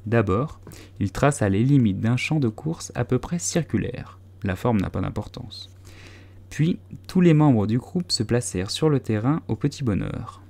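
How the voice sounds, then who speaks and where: A man reading a children's classic aloud as audiobook narrator, in a measured storytelling voice. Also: medium pitch, expressive, vocal fry, warm tone. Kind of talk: scripted narration.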